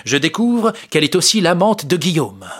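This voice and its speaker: A pompous, self-satisfied police inspector who lords it over everyone in the room, as a male narrator puts him on. His voice climbs high and pushes loud as he brags and commands. He sounds like a character voice in an audiobook. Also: sing-song, normal speed. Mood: gloating. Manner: boastful, triumphant, commanding.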